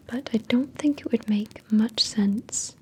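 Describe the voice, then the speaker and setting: A woman hosting an ASMR product review in a soft, breathy whisper, with an unhurried, measured delivery. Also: on the high side, slight background noise. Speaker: ASMR video host.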